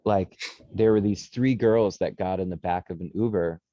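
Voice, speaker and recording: Low dark-voiced man telling stories. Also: normal speed, dry recording, highs cut off. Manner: animated storyteller, swears, many fillers. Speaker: podcast co-host. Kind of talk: casual chat.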